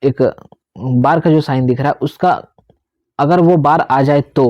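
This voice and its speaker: A man's voice: on the high side, unhurried, darkish tone, no echo, muffled recording. A young man teaching English pronunciation in Hindi with some English, explaining step by step and often checking in with his students. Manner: explains step by step, repeats key words, checks in with "theek hai".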